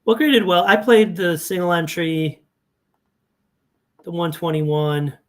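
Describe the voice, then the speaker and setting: A man's voice: sits high, slow pace. A man talking through fantasy hockey lineups in a casual walkthrough, thinking aloud and correcting himself as he goes. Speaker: fantasy sports analyst. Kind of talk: casual screen-share walkthrough.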